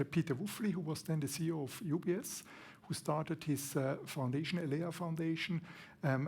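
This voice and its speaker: Guy from austria on a panel, slightly high, husky voice, explains stuff calmly. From Austria, raised in Switzerland. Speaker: panelist, impact investor. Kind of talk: panel discussion.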